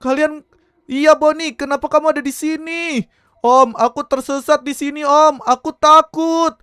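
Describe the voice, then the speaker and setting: A man's voice: very high voice, steady tone, moderate pace, sharp tone, dry recording, clean studio sound. A man voicing a frightened, lost young boy who whimpers and calls the others uncle. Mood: scared.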